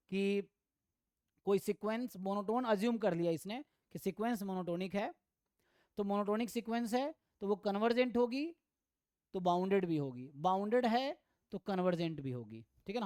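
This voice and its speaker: A man teaching an online exam-prep math lecture, thinking aloud and reading theorem statements slowly. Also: high voice, lively intonation, a little mellow, clean tone, dry recording, clean studio sound. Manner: thinks aloud, mixes Hindi with English terms. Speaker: math tutor.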